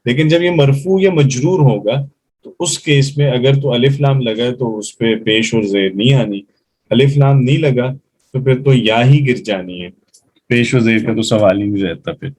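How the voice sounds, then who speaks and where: A man teaching grammar one-on-one, explaining rules step by step, slowing down on example words, and often checking that the student follows. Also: mid-range voice, a little mellow, breathy edge, dry recording. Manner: slows down to spell out example words. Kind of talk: patient one-on-one grammar tutoring.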